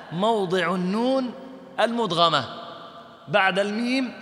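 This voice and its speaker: A man's voice: sits high, a bit bright. Man teaching recitation in an echoey hall. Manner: explains step by step, often checks understanding; slowly chants example verses. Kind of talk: recorded lecture to students.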